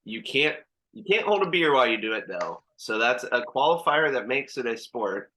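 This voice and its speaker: A young man in casual podcast talk with his brothers, thinking out loud with many restarts. His voice is bright and forward at a middle pitch. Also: very animated, normal speed, poor audio. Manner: rambling, hesitant, laughs along. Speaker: podcast co-host. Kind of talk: casual chat among brothers.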